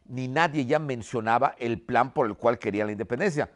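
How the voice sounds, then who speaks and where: Here a male history teacher with a medium-pitched voice talks fairly quickly. He brings the story to life with animated narration and repeatedly asks "¿ok?" to check in.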